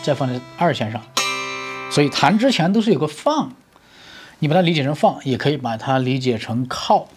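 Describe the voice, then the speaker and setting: A man's voice: mid-range voice, sing-song, a little fast. A man giving an electric guitar lesson, explaining step by step with everyday comparisons and often checking "right?" with the learner. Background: guitar playing.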